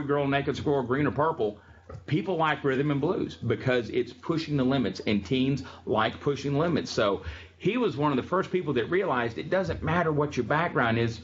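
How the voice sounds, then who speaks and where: A man lectures to a classroom in a relaxed, chatty way, drifting into stories and filling pauses with ums. The recording sounds a little dull, with a faint hiss underneath. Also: medium pitch. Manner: chatty, storytelling, frequent ums. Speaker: music history lecturer.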